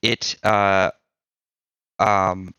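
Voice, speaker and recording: A man narrating as game master of a tabletop game, halting with many fillers and restarts. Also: sits low, level tone, bright, forceful tone, clear, resonant tone, dry recording.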